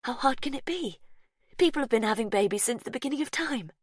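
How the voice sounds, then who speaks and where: A woman voices a tense, blunt young woman who issues urgent, clipped orders while trying to stay calm. Her medium-pitched, animated delivery sits a bit above her natural voice yet stays close to an everyday one, at normal speed. The studio recording is clean, with no echo.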